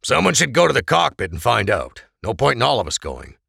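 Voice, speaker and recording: A man voicing a practical, level-headed male survivor in an audiobook, pitched a little higher than his narration. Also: wildly swooping pitch, brisk, gravelly, a bit bright, breathy edge, no echo, clean studio sound, full character voice. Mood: urging.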